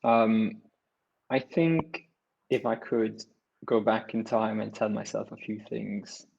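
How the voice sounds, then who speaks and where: A man's voice: fairly low pitch, steady tone, slow pace, creaky, a little mellow, slight background noise. A man speaking modestly as a designer on an online panel, a little self-deprecating. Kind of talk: casual panel discussion. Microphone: video call. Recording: dull, lo-fi video call audio.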